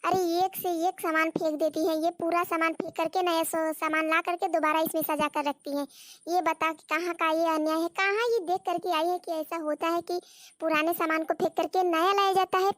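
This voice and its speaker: Woman voicing a shrill scolding cartoon mother-in-law. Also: dry recording, clean studio sound. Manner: scolding, repeats words, calls on God. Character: scolding old mother-in-law, nagging and exasperated. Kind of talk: Hindi cartoon story voice acting.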